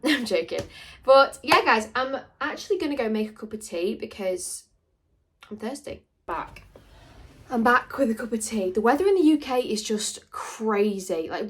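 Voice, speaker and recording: A young woman with a mid-range, slightly bright voice talks directly to camera in a loose, chatty Q&A. The vlogger rambles, loses her thread and slips in dry little jokes along the way.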